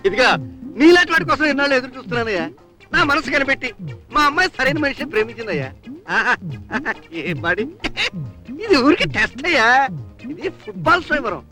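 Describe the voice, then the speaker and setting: A man's voice: very high-pitched, big pitch swings, fast talker, long pauses, over music. A blustering scheming rich father. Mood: threatening, wheedling. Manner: catchphrase-repeating, blustering, loud. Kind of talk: 1980s film acting.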